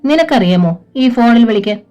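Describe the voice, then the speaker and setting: A woman voicing a gentle, friendly schoolgirl in a storybook reading. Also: fairly high pitch, lively intonation, normal speed, highs cut off, voice pushed up, natural voice.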